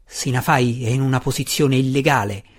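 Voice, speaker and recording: Stubborn dark elf matron, as a man reads her. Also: mid-range voice, steady tone, normal speed, close to an everyday voice. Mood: stern. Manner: sharp, insistent and stubborn. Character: proud scheming dark elf matron woman. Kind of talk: audiobook reading.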